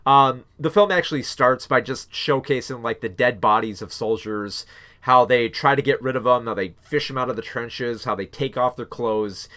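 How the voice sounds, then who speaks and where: Male film reviewer, mid-pitched, loose and chatty with lots of "like" and "um". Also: bright, forceful tone. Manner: rambling, many fillers and restarts. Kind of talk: casual spoken movie review.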